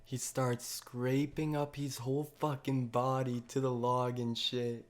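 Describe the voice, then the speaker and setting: A man's voice: medium pitch, level tone, a little slow. Slangy young man telling a story. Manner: slangy, swears constantly, says "bro". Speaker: vlogger. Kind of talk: casual storytelling.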